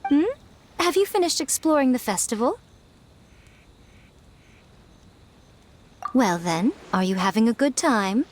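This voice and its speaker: Actress doing a poised teasing anime lady, knows everything, swoopy pitch, faint ambience behind. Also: animated, moderate pace, a little hiss or hum, close to an everyday voice. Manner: teasing, amused, assured. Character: poised, knowing, playfully sly lady. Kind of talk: anime game voice acting.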